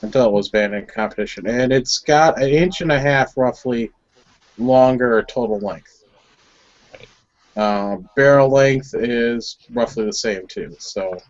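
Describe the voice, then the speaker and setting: A man's voice: medium pitch, a little slow. A man with a Wisconsin accent hosting a casual group chat, talking loosely, stumbling over words now and then and laughing along. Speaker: host. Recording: dull lo-fi audio.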